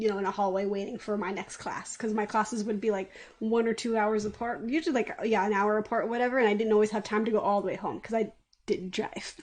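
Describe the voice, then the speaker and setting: A woman in her thirties, the artist and co-creator, chatting casually on a stream in a rambling, relaxed way with fillers. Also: mid-range voice.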